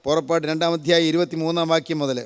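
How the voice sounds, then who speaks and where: A man's voice: on the high side, fairly even intonation, quick pace, smooth. An older man from Kerala preaching a sermon, solemn and repetitive, stacking one parallel phrase after another. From Kerala, India. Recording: long hall reverb.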